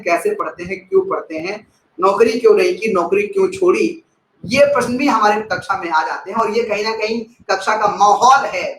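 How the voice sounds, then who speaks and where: A man teaches a live online class in a bright, high voice, stressing his points and repeating them. He stops to thank viewers from the chat by name. The sound is roomy and echoey, with a faint hiss behind.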